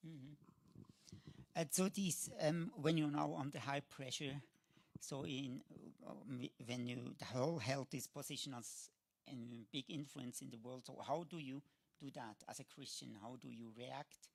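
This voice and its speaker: Gravelly halting man asking questions. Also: medium pitch, fairly even intonation, no echo. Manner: halting, searching for words. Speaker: host, interviewer. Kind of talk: interview questions.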